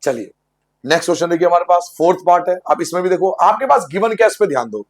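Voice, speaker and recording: A man with a high, expressive voice teaches a school maths lesson at a fast clip. He poses questions and answers them himself, repeats each step in a sing-song way, and plays around with jokes for the class.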